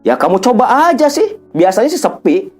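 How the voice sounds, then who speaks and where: A blank-eyed old rickshaw driver in a spoken ghost story mutters directions in a flat, toneless voice, put on by a man narrating. The delivery barely rises or falls. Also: sits high, fairly quick, soft background music.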